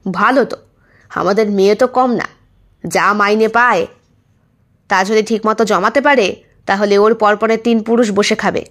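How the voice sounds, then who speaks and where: A woman voicing a gentle older man in an audio story, a father speaking tenderly to his wife. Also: medium pitch, moderate pace, long pauses, voice pushed down, natural voice.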